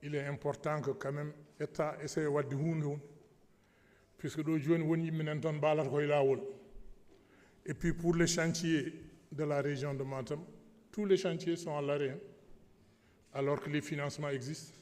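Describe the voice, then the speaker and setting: In a big echoing chamber, a man speaks in a slightly high voice with a Senegalese accent. He delivers an emphatic political speech as a deputy. He often repeats phrases to drive them home. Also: level tone, normal speed, pauses often, darkish tone. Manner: emphatic, repeating himself for stress. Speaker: member of parliament. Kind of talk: parliamentary speech switching between French and Pulaar. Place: large parliamentary assembly hall. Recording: echoey large hall with long reverb.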